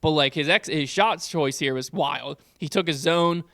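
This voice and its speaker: A man co-hosting a casual sports podcast, talking in an animated, rambling way with fillers. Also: on the high side, moderate pace, vocal fry, dry recording, studio quality. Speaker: podcast co-host. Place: podcast studio. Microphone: studio podcast mic.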